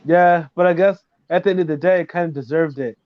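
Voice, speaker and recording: High-voiced man in lo-fi casual chat. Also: a little fast, no room sound. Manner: animated, swearing, storytelling. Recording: dull lo-fi sound.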